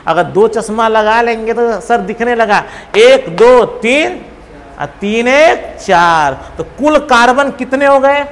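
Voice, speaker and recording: A man teaches a classroom in a high, unhurried voice. He counts out loud, fires questions at the students and teases them playfully. The sound rings with a long hall echo over faint background noise. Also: lively intonation. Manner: teasing, calls students babu, counts aloud, quizzes class. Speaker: chemistry teacher. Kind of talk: classroom lecture.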